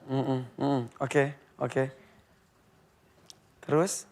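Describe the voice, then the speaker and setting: A man's voice: medium pitch, level tone, very slow, vocal fry, a little mellow. A man hosting a TV talk show chats casually and is easily amused. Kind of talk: casual chat. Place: TV studio. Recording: studio audience in background.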